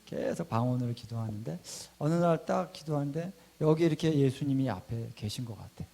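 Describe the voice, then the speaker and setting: A middle-aged pastor preaching in a mellow, warm voice. He tells his story in a lively way and drops to a hushed tone when he quotes prayers. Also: medium pitch, fairly quick, creaky. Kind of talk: sermon with personal testimony.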